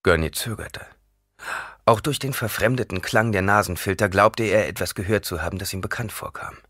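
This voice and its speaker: Deep-voiced man narrating an audiobook. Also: moderate pace, dry recording, clean studio sound. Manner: expressive, dramatic reading. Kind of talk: scripted narration.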